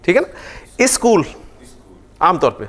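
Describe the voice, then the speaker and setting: A high-voiced man teaches Arabic grammar in a classroom lecture. He is animated and keeps checking whether the class understands, asking them frequently if it's clear.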